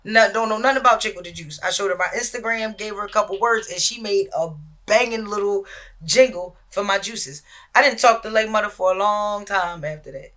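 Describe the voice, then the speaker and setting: A man's voice: high-pitched, fairly quick, pushed and bright. An American man in casual, slangy conversation, telling stories on a podcast. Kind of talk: casual storytelling chat.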